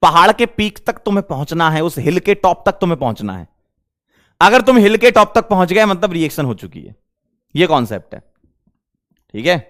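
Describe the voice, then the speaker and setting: A male chemistry teacher lecturing a class, firing quick questions at the students. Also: high voice, sing-song, a bit bright.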